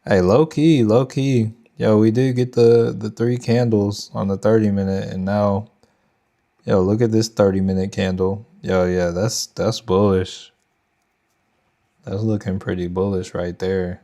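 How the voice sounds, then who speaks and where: A young man from Texas, with a Texan accent, gives casual live market commentary on a trading livestream, thinking aloud and talking to chat in loose, slangy language. His voice is on the low side and dark, with a level tone and a measured pace.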